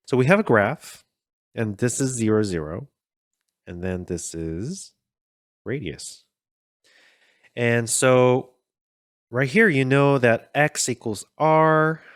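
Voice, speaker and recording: A man's voice: mid-range voice, fairly bright tone, no room sound. Tutorial host: casual man talking through code at his desk, chatty and self-deprecating, dry close mic. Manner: chatty, self-deprecating, thinks aloud with fillers. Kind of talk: casual code-along explanation.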